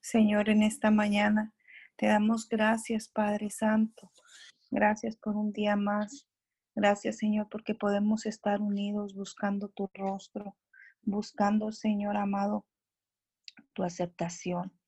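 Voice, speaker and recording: A woman leading a soft, devout prayer. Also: medium pitch, completely flat delivery, measured pace, no room sound. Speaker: prayer leader.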